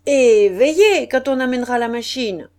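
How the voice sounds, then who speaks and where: A woman reading an audiobook voices a harried male stationmaster who shouts orders along the platform. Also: fairly high pitch, lively intonation, moderate pace, pitched above the performer's own voice, close to an everyday voice. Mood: commanding.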